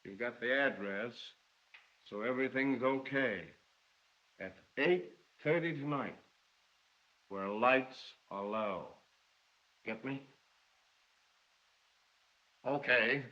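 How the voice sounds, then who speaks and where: A man playing a slow, tough-talking gangster. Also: mid-range voice, lightly acted. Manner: clipped slang, tough talk. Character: gruff gangster, curt and cynical. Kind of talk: 1930s film acting. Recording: dull 1930s film soundtrack.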